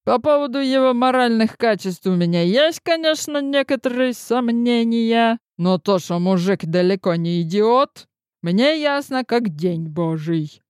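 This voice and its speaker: A woman voicing a sharp-tongued, bossy old grandmother in an audiobook, speaking slowly and mockingly. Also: on the high side, lively intonation, dry recording, clean studio sound. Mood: scolding. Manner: gruff, mocking, slow and deliberate. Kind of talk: audiobook character voice.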